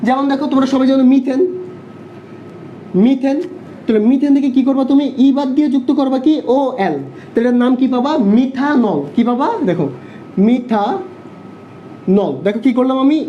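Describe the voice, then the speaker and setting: A young man teaching an online chemistry class, asking quick questions and answering them himself. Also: very high voice, slight background noise. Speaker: chemistry tutor. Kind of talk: online live class lecture. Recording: dull lo-fi online class audio.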